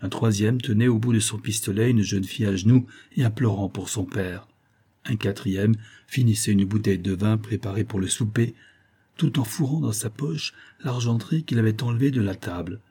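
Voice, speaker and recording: Husky, dark-voiced male audiobook narrator. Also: lowish voice. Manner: steady, measured storytelling delivery. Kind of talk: scripted narration of a classic novel.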